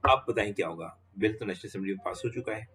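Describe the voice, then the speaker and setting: A man's voice: fairly low pitch, fast talker, fairly bright tone, breathy edge. A man giving a law lecture, walking students through each step and repeating questions back to the class.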